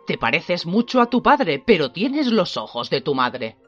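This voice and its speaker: A woman voicing a huge shaggy man, blunt and hearty, rough but kindly, leaping up and down in pitch. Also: very animated, measured pace, muffled recording, soft background music.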